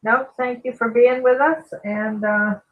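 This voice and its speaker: A woman's voice: a little high, fairly even intonation, unhurried, phone-quality sound. A woman co-hosting by phone, steadily reading out numbers and notices over buzzy, glitchy call audio that keeps cutting out. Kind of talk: casual talk-show announcements.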